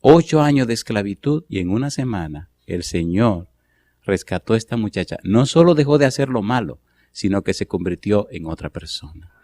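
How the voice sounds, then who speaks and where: A man's voice: lowish voice, animated, moderate pace, mellow. A middle-aged man preaching a sermon to a live church audience, telling a story and asking rhetorical questions. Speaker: pastor.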